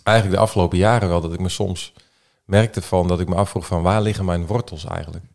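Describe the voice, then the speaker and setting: Brief: Dutch man, very low voice, halting storyteller in a casual chat. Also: fairly even intonation, creaky, darkish tone. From Netherlands. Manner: hesitant, filler-heavy storytelling. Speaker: guest. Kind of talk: casual podcast conversation.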